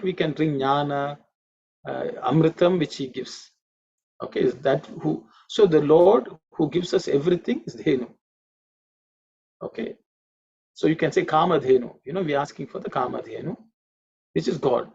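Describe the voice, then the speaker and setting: Over dull, lo-fi audio, a man teaches an online Sanskrit class, patiently repeating how each word is pronounced and explaining what it means. His voice is slightly high and a little mellow, with vocal fry and a moderate pace.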